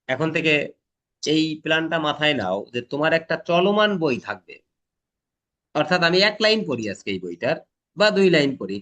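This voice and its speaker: Bangladeshi-class teacher, man, emphatic lecture. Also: on the high side. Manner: demonstrates pronunciation with loud emphatic stresses; questioning students often.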